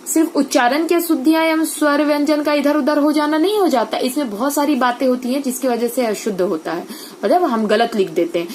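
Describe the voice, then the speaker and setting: A woman's voice: sits high, a little hiss or hum. A woman teaching an online Hindi grammar class. She explains step by step, asks the class questions, answers them herself and keeps checking that the students follow. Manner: explains step by step, often checks with "theek hai".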